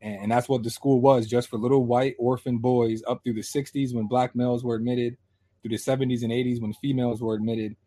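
A man in his thirties from Pennsylvania, a guest telling his life story in a casual, animated way. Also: medium pitch, a little fast. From Harrisburg, Pennsylvania. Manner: lively, animated storyteller acting out quoted voices.

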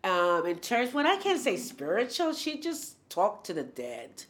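Woman, 60s, from New York City, interview guest, halting, hesitant. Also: mid-range voice, huge pitch swings, fairly bright tone. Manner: halting, searching for words. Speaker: guest artist. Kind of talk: casual interview talk.

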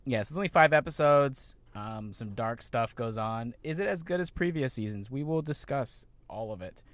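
A young man in casual podcast chat, easygoing and quick to laugh. His voice sits mid-pitch and his words drop to quiet asides. The sound is dry and close to the mic. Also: animated, no echo. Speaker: podcast co-host.

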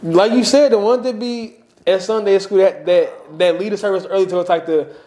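High male voice, blunt profane slang, casual banter, echoey room. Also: steady tone, moderate pace, mellow. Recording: echoey room, faint background noise.

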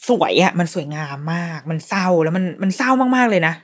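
A woman hosting a podcast, chatting casually as she reviews a TV series, retelling scenes in an animated, restarting way. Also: on the low side, fast.

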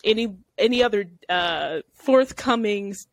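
A woman's voice: mid-range voice, expressive, a little slow, no echo. A woman hosting a casual podcast, recapping episodes, often laughing and restarting her phrases. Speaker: podcast host.

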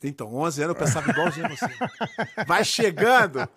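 A middle-aged man with a Brazilian accent, co-hosting a podcast, telling stories in a lively way, swearing freely and acting out the lines he quotes. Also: fairly high pitch, brisk, a crowd in the background. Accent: Brazilian Portuguese. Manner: animated storyteller, swears a lot, acts out quotes. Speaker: podcast co-host. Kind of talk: casual podcast banter.

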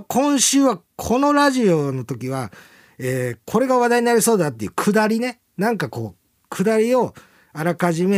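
A man hosting a radio after-talk, chatting casually and rambling with laughs between lines. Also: sits high. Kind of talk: casual chat.

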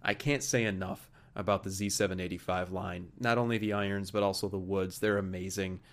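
A man's voice: low voice, fairly even intonation, brisk. A man in his thirties from the American Midwest hosting a golf podcast, chatting casually with many fillers in an office huddle room. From Midwest of the United States. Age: 30s. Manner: chatty, frequent fillers and restarts. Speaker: podcast host. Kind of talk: casual interview and sponsor reads.

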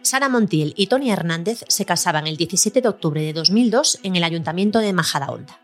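Woman, podcast host, scripted documentary narration, measured delivery, lowish voice, soft music behind. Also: animated. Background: faint music.

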